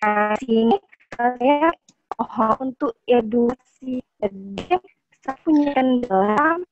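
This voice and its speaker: A woman from Lampung calling in to ask a question during a webinar. Her voice comes through an online call that keeps cutting out and turning robotic, and she talks haltingly, searching for words. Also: on the high side. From Lampung, Indonesia. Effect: choppy online call audio, cutting out and robotic. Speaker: caller asking a question. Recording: muffled lo-fi call audio with faint music.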